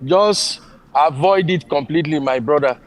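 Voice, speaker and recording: Man, Yoruba accent from Nigeria, high voice, emphatic, repetitive phrasing, casual discussion. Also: normal speed. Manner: emphatic, repeats words for stress.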